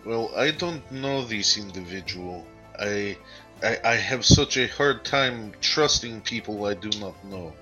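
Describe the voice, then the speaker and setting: Bright-voiced man playing a tabletop game. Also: on the low side, expressive, a little slow, soft background music, rough recording. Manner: formal, hesitant, with fillers. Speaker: player. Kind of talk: in-character tabletop role-play.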